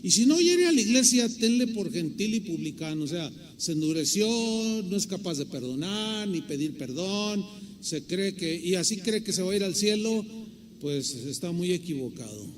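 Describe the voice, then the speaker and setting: High-voiced preacher. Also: male voice, sing-song, moderate pace. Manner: emphatic preaching, swinging between loud stresses and quiet asides. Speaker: pastor. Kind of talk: sermon.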